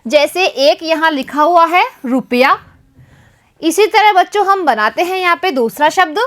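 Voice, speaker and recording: A woman's voice: very high-pitched, animated, a bit bright. A woman teaching a primary school Hindi lesson, speaking to young pupils and stressing each syllable with care. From Rajasthan, India. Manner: addresses pupils repeatedly, stresses syllables slowly and deliberately. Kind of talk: classroom lesson for young children.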